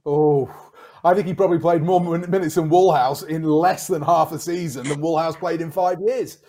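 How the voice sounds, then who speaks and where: A man's voice: on the high side, steady tone, moderate pace, darkish tone. A man co-hosting a sports podcast who challenges the others' picks as devil's advocate. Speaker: podcast co-host. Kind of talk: casual sports chat.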